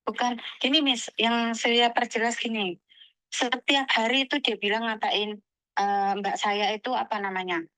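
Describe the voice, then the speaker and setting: Earnest woman caller, bright clipped voice. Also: a little high, steady tone, moderate pace, dry recording, low-quality recording. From Indonesia. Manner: earnest, retells others' words in short quoted bursts. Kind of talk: phone call telling a complaint.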